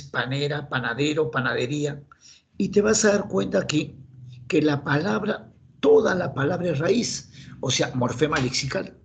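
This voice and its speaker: A man's voice: a little high, gravelly. A man with a Peruvian Spanish accent teaching a grammar lesson, asking himself questions and answering them in students' voices. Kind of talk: classroom grammar lecture.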